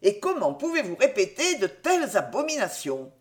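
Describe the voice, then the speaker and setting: A woman's voice: medium pitch, huge pitch swings, normal speed. A woman reading aloud, voicing an old male village priest who is shocked and pious. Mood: reproachful.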